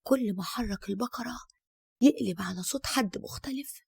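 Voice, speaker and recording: A woman with an Egyptian accent narrates a dramatic first-person tale in a fairly high, gravelly voice. She exclaims often, and the recording is close and dry. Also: normal speed, a little mellow, no room sound. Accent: Egyptian Arabic. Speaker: storyteller.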